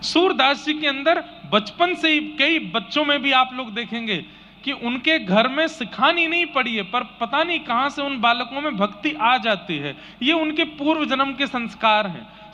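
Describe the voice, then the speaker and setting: A man telling a devotional story in a sermon, animated and emphatic, often repeating phrases, in slightly dull audio with faint noise. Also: very high-pitched.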